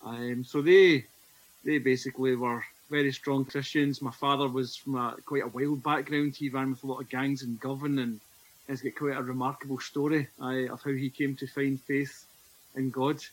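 A Scottish man in his forties, appearing as a podcast guest, shares his personal faith testimony in conversation, earnest and reflective. His voice is mid-range and level in tone, at a normal speed, and the recording is rough.

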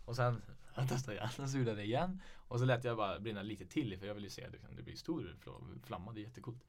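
A young man hosting a podcast in a casual chat, telling stories laid-back and swearing freely. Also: fairly low pitch. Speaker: podcast host.

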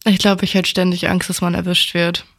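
A woman's voice: on the low side, little pitch movement, brisk, creaky, a bit bright. A young woman co-hosting a casual podcast, giving dry, amused reactions and thoughtful replies. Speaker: podcast co-host. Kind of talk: casual chat.

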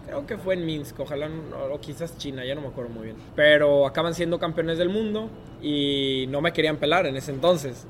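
Lively young Mexican man telling a story. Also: a little high, a little fast, hardly any pauses, slight background noise. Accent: Mexican Spanish. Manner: lively storyteller who acts out other people's lines. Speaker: guest. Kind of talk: casual storytelling interview.

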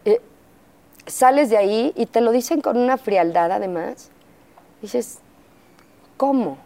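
A woman's voice: a little high, animated, measured pace, creaky, dark tone. A woman with a Mexican accent, an interview guest candidly recounting her personal story and acting out the dialogue, with frequent fillers. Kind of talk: personal testimony in conversation.

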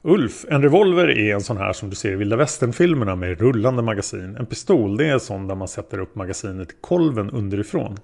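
A man's voice: fairly low pitch, expressive, creaky, few pauses, darkish tone. A man reading the questions of a methodical male police interrogator. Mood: probing. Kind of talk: read-aloud interrogation transcript.

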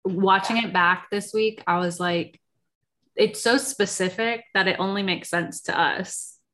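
A woman's voice: mid-range voice, steady tone, measured pace, sharp tone. A woman in her thirties hosting a casual pop culture podcast, chatting in a conversational way. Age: 30s. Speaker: podcast host.

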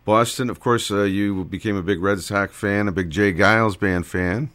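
A man's voice: on the low side, steady tone, normal speed, fairly bright tone. A man hosting a radio show, talking in an easygoing way and laughing often. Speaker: radio host. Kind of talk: casual radio interview.

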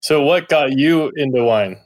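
A man's voice: medium pitch, unhurried. Jokey man co-hosting a podcast. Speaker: podcast co-host. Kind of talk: interview chat.

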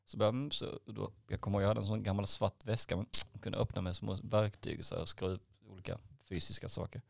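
A man's voice: fairly low pitch, flat delivery, creaky, no room sound, studio quality. A man in his forties, a podcast co-host, telling rambling IT work anecdotes with lots of fillers and swearing.

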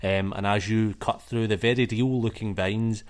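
A man's voice: lowish voice, fairly even intonation, normal speed. Man, game master, rambling narration, lots of fillers. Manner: loose, rambling, full of fillers.

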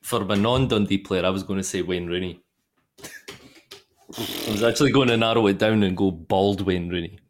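Scottish male co-host, mid-thirties, lowish voice, easygoing teasing. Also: moderate pace, pauses often, slight background noise. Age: 30s. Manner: teasing, laid-back banter. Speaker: podcast co-host. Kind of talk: casual podcast chat.

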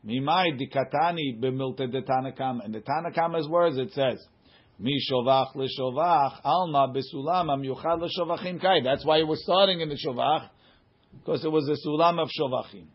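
Reading from the Talmud in an informal class, a man explains the passage emphatically, posing questions and answering them. His voice sits in the mid range with a breathy edge, and the lo-fi audio sounds muffled.

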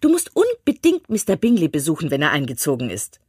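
A fussy, excitable mother pushes her husband in shrill, breathless bursts, as a woman reads her in an audiobook. Her voice leaps high and swoops widely, with a husky grain. The recording is dry and close. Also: a little fast, no echo, heavily acted. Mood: excited, insistent. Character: fussy excitable middle-aged mother, matchmaking. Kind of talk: audiobook reading.

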